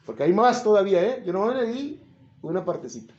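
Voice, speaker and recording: A man with a Mexican accent preaches in a high voice, chatting and joking with his listeners. His voice bounces around an echoey room. The sound is a little dull. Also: very animated, fairly quick, darkish tone, slight background noise. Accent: Mexican Spanish. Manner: chatty, jokes, asks the listeners questions. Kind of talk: informal Bible teaching to a congregation.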